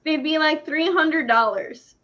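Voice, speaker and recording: A woman's voice: sits high, a little slow, a bit bright. A woman in her thirties who works at a car dealership, bubbly and giggly in casual chat. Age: 30s. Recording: dull lo-fi sound.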